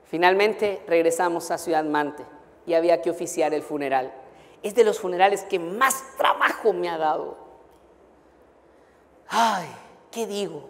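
A man with a Mexican accent, a pastor telling a story in a sermon, dramatic and emotional, swinging between loud urgency and hushed sorrow. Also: a little high, unhurried, gravelly, long pauses. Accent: Mexican Spanish. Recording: long hall reverb.

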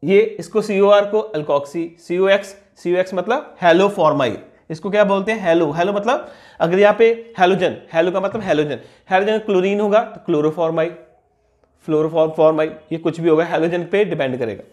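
A high-pitched young man teaches a chemistry class at the board. He asks questions and answers them himself, repeating each key term slowly so it sticks. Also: a little mellow. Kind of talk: classroom lecture explaining on a board.

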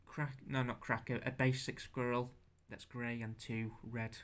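A young man talking through his handmade stop-motion figures in a casual show-and-tell, halting and stammering, swearing now and then, self-conscious about speaking out loud. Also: mid-range voice, level tone.

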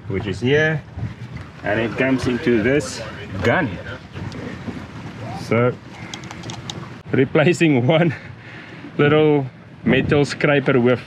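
A man's voice: medium pitch, slow pace, pauses often. A man in his fifties explaining a boat cleaning job in a casual vlog, step by step, aboard a catamaran and filmed on a close-held action camera. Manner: plain, step-by-step explaining with restarts. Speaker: sailing vlogger. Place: aboard a catamaran, outdoors on deck. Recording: noisy outdoor boat recording.

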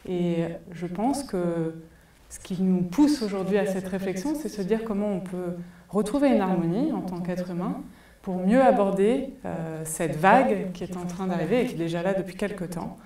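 A French woman in her forties gives a conference talk on a headset mic in a large cinema hall, her fairly low, dark voice moving at a moderate pace. She sounds thoughtful and uses many hesitation fillers. The hall is echoey and she seems far from the mic.

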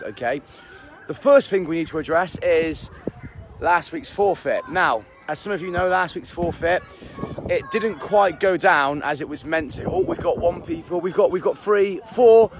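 A man hosting a live stream from a holiday park outdoors, energetic and chatty, greeting viewers by name, recorded on a phone. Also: high voice. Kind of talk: upbeat live stream chat.

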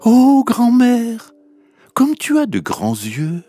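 A man's voice: wildly swooping pitch, slow, mellow, husky, faint music behind, heavily acted. A man doing an innocent little girl. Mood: wide-eyed. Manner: wide-eyed, exclaiming, high and breathless. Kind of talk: storybook reading for children.

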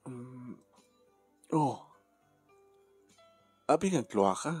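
A man's voice: mid-range voice, expressive, drawn-out words, darkish tone, faint music behind. A man speaking heartfelt family drama dialogue.

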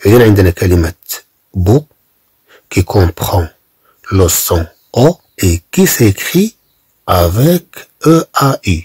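A man teaching beginner French, slowly repeating syllables and words for learners. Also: lowish voice, a little mellow, slightly rough, no room sound. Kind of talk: beginner language lesson.

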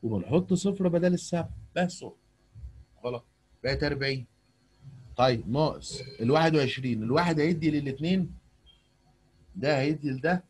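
A man with an Egyptian accent teaches a young girl math over a video call, using patient questions to coax her. His voice is a little high, darkish and husky, and he talks briskly but leaves long pauses.

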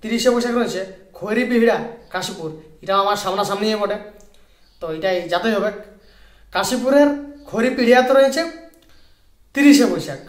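A man's voice: high voice, a little fast, long pauses, reverberant. A man reading a booking list aloud in a repetitive, patterned way and asking listeners to comment. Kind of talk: read-aloud list, informal narration.

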